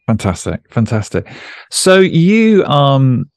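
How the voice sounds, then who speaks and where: A man's voice: mid-range voice, big pitch swings, takes it slowly, a little mellow, no room sound. A man hosting a podcast interview, talking in a rambling, jokey, self-deprecating way. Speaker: podcast host. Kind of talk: casual conversational interview.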